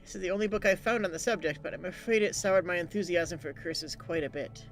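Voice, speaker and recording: A man voicing a courteous, apologetic court librarian from a game, speaking in a formal, deferential and halting way. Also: high voice, faint music behind. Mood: mournful, earnest. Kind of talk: character voice reading game dialogue.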